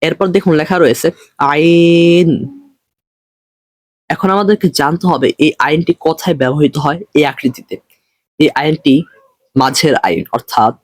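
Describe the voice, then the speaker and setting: A man teaching Arabic letters in an online lesson, patient and repetitive, stretching each letter name slowly, with a Bangladeshi Bengali accent. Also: fairly high pitch, no room sound. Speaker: Quran reading teacher.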